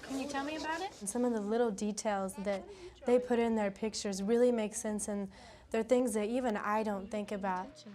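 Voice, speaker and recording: A fairly high, brisk voice belongs to this afterschool teacher in her twenties. Expressive and encouraging, she talks through her teaching methods and leads a read-aloud with children.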